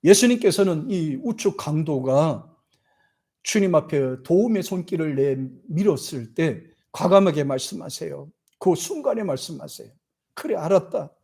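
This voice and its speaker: Korean pastor preaching, husky and lively. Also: male voice, a little high, normal speed. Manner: preaches with dramatized quotes of scripture figures; leads congregation in reading scripture aloud. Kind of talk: sermon. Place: church sanctuary.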